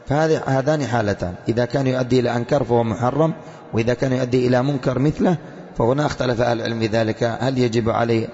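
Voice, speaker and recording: Fast-talking male religious teacher, lo-fi hall. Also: mid-range voice, fairly even intonation, a little mellow. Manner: asks rhetorical questions and answers them; reads passages slowly, then comments. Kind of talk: explaining a creed text to students. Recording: lo-fi with long reverb in a hall.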